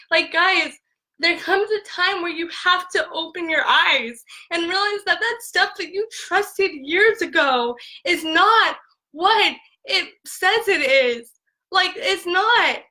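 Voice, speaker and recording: Young woman, high bright voice; filler-heavy, emotional phone live rant. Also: low-quality recording. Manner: filler-heavy, repeats "like" constantly. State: tearful at times. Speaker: essential oils seller.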